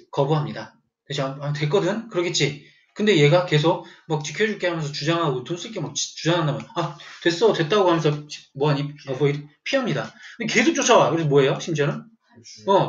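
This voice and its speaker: A man's voice: a little high, expressive, fairly quick. Jokey male teacher in an echoey classroom. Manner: jokey, storytelling, quizzing students. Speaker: English vocabulary teacher. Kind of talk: classroom lecture. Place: classroom with students. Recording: echoey room, dull lo-fi sound.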